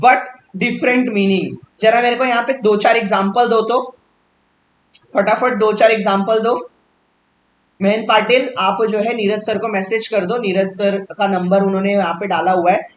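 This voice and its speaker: Male teacher, high voice, live online class, casual, echoey room with faint rumble. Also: a bit bright. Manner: casual, repeats key terms slowly, reads out live chat. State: sleepy. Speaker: English teacher.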